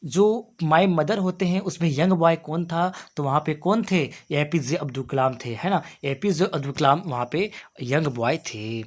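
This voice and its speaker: A man's voice: on the high side, unhurried, hardly any pauses. A young man from Jharkhand teaching school students, reading each English exam question and explaining it in Hindi, repeating answers and asking them questions back. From Jharkhand, India. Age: young adult.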